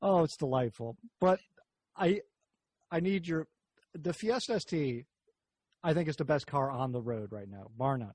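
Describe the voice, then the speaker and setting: A man's voice: on the high side, animated, normal speed, pauses often, darkish tone, no room sound. Rambling jokey male car-talk host. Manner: rambling, jokey, self-interrupting. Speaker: podcast host. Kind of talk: casual car chat.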